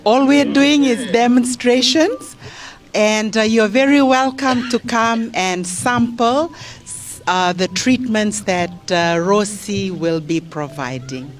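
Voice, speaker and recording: A woman's voice: on the high side, slow pace. A woman from Fiji with a Fijian accent, giving a live presentation to visitors as a demonstrator. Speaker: beauty therapy demonstrator.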